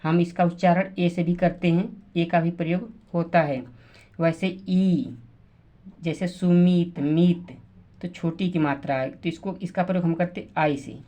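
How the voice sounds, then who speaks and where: A woman teacher, explaining spelling slowly, repeating words and sounding out letters. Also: fairly low pitch, steady tone, dark tone, dull audio. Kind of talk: slow classroom explanation.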